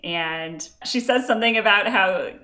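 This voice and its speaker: A woman's voice: mid-range voice, a little slow, pushed and bright. A woman co-hosting a podcast, chatting casually about a TV episode and laughing often. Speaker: podcast co-host. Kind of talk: casual chat recapping a TV episode.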